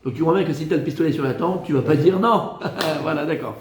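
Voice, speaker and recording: A man, a rabbi, giving a Torah lesson in a lively way, teasing his listeners with joking asides. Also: a little high, fast talker, reverberant, slight background noise.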